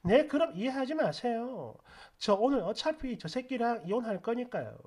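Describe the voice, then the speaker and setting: A woman voicing a fed-up young wife who speaks in a low, calm and cutting way. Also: moderate pace, slightly rough. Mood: cold fury.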